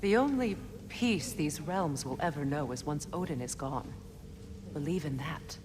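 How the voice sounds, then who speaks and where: An actress playing a proud, wounded goddess in a video game, grave and guarded. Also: female voice, sits low, lively intonation, measured pace, noisy background. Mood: bitter. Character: proud, wounded, vengeful adult goddess and mother. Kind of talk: video game character acting.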